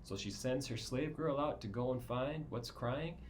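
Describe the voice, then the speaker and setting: A man's voice: medium pitch, normal speed, slight background noise. A man teaching a children's Bible lesson, explaining casually with frequent "right?" check-ins.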